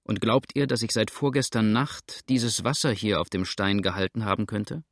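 A man voicing a sharp-eyed male hunter in an audiobook, speaking in a pointed, commanding way. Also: lowish voice, moderate pace, no room sound, clean studio sound. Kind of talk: audiobook character reading.

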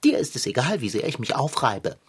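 A woman voicing a fussy, dramatic, self-pitying male tomcat in a children's audio drama, with a husky, theatrical way of complaining. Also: rumbling low, big pitch swings, fairly quick, full character voice.

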